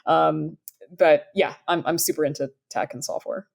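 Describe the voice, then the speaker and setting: Here a startup founder in her thirties, originally from Sudan, answers a guest interview about her working life. Her voice is low and gravelly, steady in tone, at a normal speed. She's enthusiastic and upbeat, leaning often on fillers.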